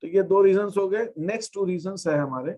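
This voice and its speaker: Through a muffled recording comes a warm, high male voice giving an accountancy lecture. He goes step by step, uses English terms alongside his own language, and says each term slowly while writing it.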